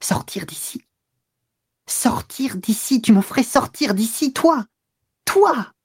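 A jilted mistress, bitter and accusing, her voice climbing high and husky as she rages, as a male reader puts her on. The reading is close and dry, with no room around it. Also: moderate pace, darkish tone, no room sound. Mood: furious. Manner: accusing, bitter, rising to screams. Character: furious jilted woman, mistress, shrill in rage. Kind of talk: audiobook reading.

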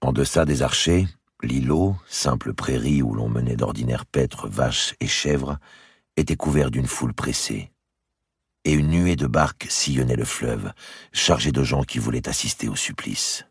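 Un homme qui lit un roman historique en livre audio, avec une narration expressive. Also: male voice, extremely low pitch, unhurried, creaky, breathy edge, no echo, clean studio sound. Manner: expressive storytelling. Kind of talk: audiobook reading.

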